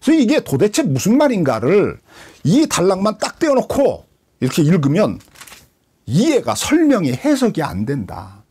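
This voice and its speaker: A husky man, a pastor teaching the Bible in a sermon, who asks rhetorical questions and answers them himself. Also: sits high, huge pitch swings, normal speed, dark tone.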